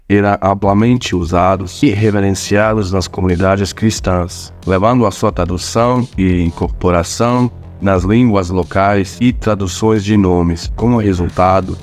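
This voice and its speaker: A man's voice: low voice, darkish tone. A man from Croatia speaking with a Croatian accent, hosting his own scripted explainer vlog and pronouncing names carefully. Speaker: channel host. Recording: faint music underneath.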